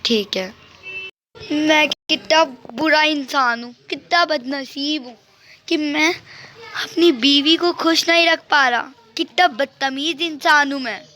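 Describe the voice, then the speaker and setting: A woman's voice: sits high, slow pace, sharp tone, a little hiss or hum, voice pushed up, exaggerated voice. A woman voicing a poor husband and father who talks in an ashamed, self-reproaching way.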